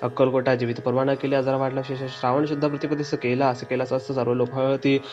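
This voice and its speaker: A man reading a devotional scripture aloud in a steady, sing-song way, as a recitation. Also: mid-range voice, quick pace. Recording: dull lo-fi recording with faint music.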